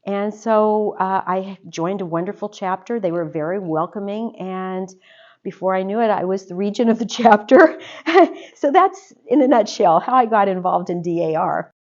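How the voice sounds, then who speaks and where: As an interview guest, an American woman who serves as an organization officer recounts her own history warmly and chattily, using fillers in casual answers. She has a mid-range voice at normal speed, captured with lo-fi sound.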